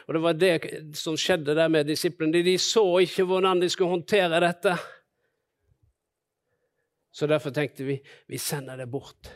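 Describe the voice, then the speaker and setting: A man preaching a sermon with a fairly high voice. He tells the stories vividly and acts out the people in them as he goes. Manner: storytelling, acting out the disciples and Jesus in quotes.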